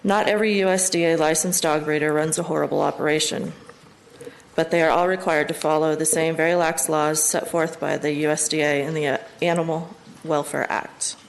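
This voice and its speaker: A woman's voice: low voice, fairly even intonation, brisk, gravelly, poor audio. An American woman reading a composed, formal prepared statement at a city council meeting. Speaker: public commenter.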